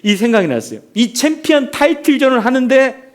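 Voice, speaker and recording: A male pastor delivers a sermon in a high voice that swings widely up and down. He tells stories with animation and keeps asking the congregation questions. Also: sing-song, a little fast.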